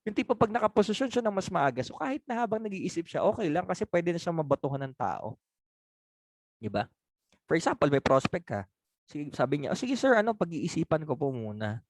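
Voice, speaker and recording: Male sales trainer, slightly high voice, dry close sound, chatty and questioning. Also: animated, brisk, dry recording. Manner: conversational, laughs often, asks for agreement. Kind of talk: training talk answering objections.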